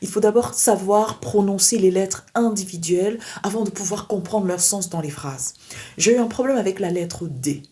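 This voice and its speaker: A woman teaching pronunciation, speaking slowly and repeating sounds and words for learners to copy. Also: medium pitch, mellow. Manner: repeats sounds and words for practice, addresses viewer directly. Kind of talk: slow instructional lesson with drilled examples.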